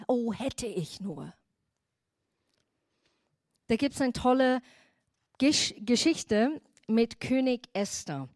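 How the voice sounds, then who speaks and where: A woman pastor giving a sermon who retells Bible stories in a lively, emphatic way. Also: a little high, no echo, clean studio sound.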